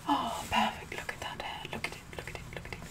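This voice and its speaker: A woman's voice: fast, lightly acted. A middle-aged woman playing a sassy, vain, condescending Queen Elizabeth the First in a whispered ASMR roleplay, repeating her words imperiously. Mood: self-satisfied. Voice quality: breathy whispering mixed with soft speech.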